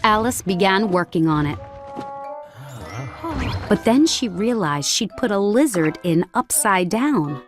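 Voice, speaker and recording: A woman reading a children's storybook aloud in a clear, measured narration. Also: medium pitch, expressive, music in the background.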